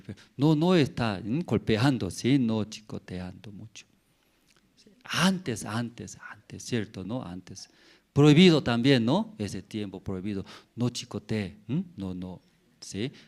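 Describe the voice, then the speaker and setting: A man's voice: fairly low pitch, expressive, slow pace, darkish tone. A middle-aged man with a Korean accent preaching a sermon in simple, broken phrasing, checking in with frequent rhetorical questions and "mm?" tags. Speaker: pastor.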